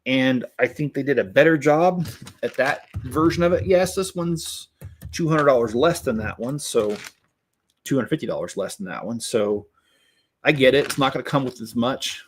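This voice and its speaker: A man's voice: mid-range voice, normal speed, a little hiss or hum. A man hosting a Lego vlog, chatting casually and a little sarcastically while he builds and weighs up new sets. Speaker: Lego channel host.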